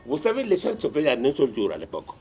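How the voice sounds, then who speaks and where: Animated older man telling stories. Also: mid-range voice, racing, faint music behind. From Guinea. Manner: animated storyteller with frequent restarts and repetitions. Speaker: retired sports administrator and guest. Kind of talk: storytelling in a sit-down interview.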